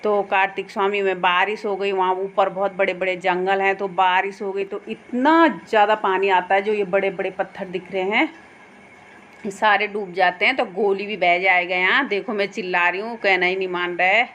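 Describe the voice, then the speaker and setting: A woman's voice: mid-range voice, steady tone, moderate pace, a bit bright, lo-fi sound. A young woman narrating a casual outdoor vlog into her phone, chatty and pointing things out as she walks by a mountain stream and fields. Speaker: vlogger.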